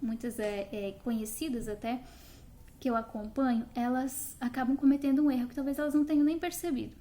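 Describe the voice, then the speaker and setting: A woman's voice: high-pitched, steady tone, fairly quick, dark tone. A woman teaching phonics in a video lesson, patiently explaining and repeating short letter sounds.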